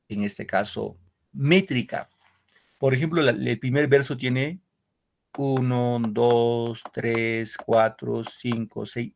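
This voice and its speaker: A man's voice: medium pitch, gravelly. A man teaching a secondary school literature class over a video call. He explains step by step, quizzes his students and tags his sentences with "no?". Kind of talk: online class lecture.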